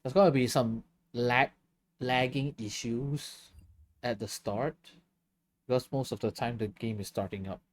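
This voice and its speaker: A man's voice: medium pitch, fairly even intonation, measured pace. Tired, chatty male game streamer. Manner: chatty, laughs often, reads chat aloud. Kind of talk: casual chat while gaming.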